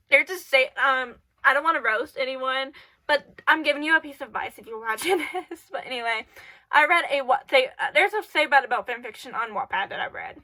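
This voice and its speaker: Sounding congested and stuffy from a cold, a woman with a high-pitched, sharp voice hosts her channel and gives casual, rambling advice riddled with fillers. It's recorded on a camera in her bedroom.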